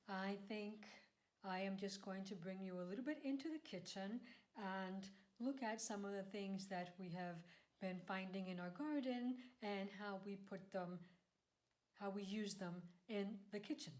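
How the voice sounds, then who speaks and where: A woman's voice: medium pitch, a little slow, darkish tone. Chatty woman hosting a home vlog. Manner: chatty, rambling with self-corrections. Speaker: craft podcast host. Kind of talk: casual vlog chat.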